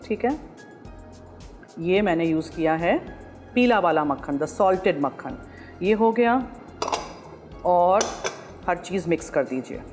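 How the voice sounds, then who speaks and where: Middle-aged lady chef talking thru a recipe, lapel mic, bit of hall ring and soft music under. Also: on the low side, lively intonation. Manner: brisk, instructive, switching between languages. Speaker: cooking show chef. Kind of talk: cooking demonstration in mixed Urdu and English. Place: TV studio kitchen set. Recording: roomy studio with faint music.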